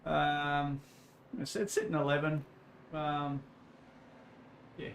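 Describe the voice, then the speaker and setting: Slow, level and a little high-pitched with a creaky edge, this Australian livestreamer chats casually and matily while racing an online endurance sim. The recording is rough, with some background noise.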